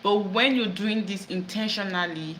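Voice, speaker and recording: A woman's voice: mid-range voice, normal speed, fairly bright tone, slight background noise. A woman giving casual, earnest self-help advice to camera, repeating herself and searching for words. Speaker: wellness vlogger. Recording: echoey room with faint background ambience.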